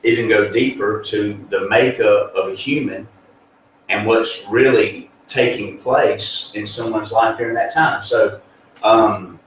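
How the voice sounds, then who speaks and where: Male pastor, earnest and folksy, mid-pitched, heard from across a reverberant room. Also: steady tone, slow, slight background noise. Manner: earnest, folksy, with many fillers and restarts. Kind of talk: conversational spiritual teaching. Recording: echoey room, distant mic, faint ambience.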